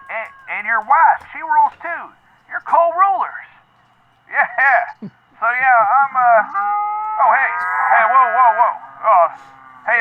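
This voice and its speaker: A man putting on a goofy, cheerful escaped convict, rambling and chuckling in a very high voice. He comes through a tinny landline voicemail, narrow and boxy, with a faint hiss of line noise under him. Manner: rambling, laid-back and chuckling. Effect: voicemail over a landline phone. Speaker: voicemail caller.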